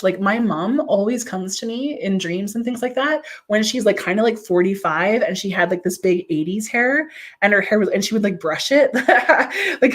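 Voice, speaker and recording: A woman runs a live mediumship reading and talks to her viewers as she goes. Her voice sits at an ordinary middle pitch. She is effusive and tender, and her sentences are loosely strung together with "like" and "you know.". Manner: gushing and affectionate, many "like" fillers, answers chat comments aloud. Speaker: psychic medium.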